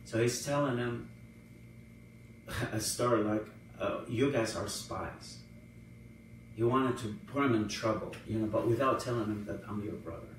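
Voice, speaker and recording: Man, Assyrian native speaker, priest at Bible study, very slow, heavy room echo, distant mic, faint hiss. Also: fairly low pitch. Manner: retells scenes, acting out quoted lines with rising emphasis. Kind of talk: informal Bible study teaching. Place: church hall. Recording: very echoey room, voice from far off, faint noise.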